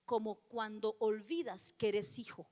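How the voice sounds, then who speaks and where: A woman's voice: mid-range voice, steady tone, unhurried, a little mellow. A woman preacher gives an emphatic sermon, repeating key phrases and asking the congregation questions. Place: church hall. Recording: long church-hall reverb.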